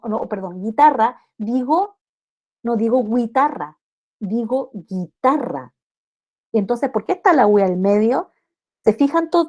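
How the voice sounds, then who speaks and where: A woman lectures a class, patient and explanatory, checking in with her listeners through frequent tag questions. Her voice sits high and has a warm, mellow tone. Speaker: university lecturer teaching early literacy.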